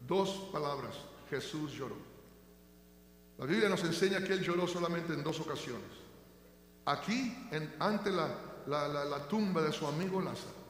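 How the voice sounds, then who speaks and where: Older male pastor, high voice, fervent to tender sermon, booming church reverb. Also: moderate pace, a little hiss or hum. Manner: swings between loud fervent proclaiming and quiet tender storytelling. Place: church sanctuary. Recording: echoey church hall.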